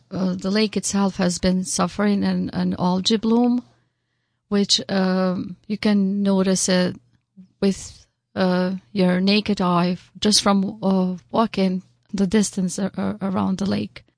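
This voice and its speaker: A woman from Albania with an Albanian accent, giving unscripted interview answers in a halting way, searching for words. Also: medium pitch, little pitch movement, gravelly, darkish tone, no room sound, studio quality. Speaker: interview guest, local artist.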